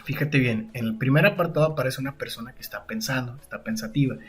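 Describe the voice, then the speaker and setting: Male teacher walking the listener through comics, slightly husky, mid pitch, conversational. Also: quick pace, soft background music. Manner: addresses the listener directly, frequent tag questions. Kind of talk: explaining comics in a lesson.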